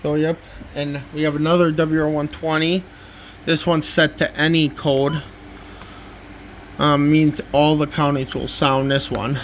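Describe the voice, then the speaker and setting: Indoors with a handheld home camera, a hobbyist gives a casual video walkthrough of his weather radio collection. His slightly high voice comes out haltingly, often trailing off and repeating words. The camera's microphone picks up steady background noise.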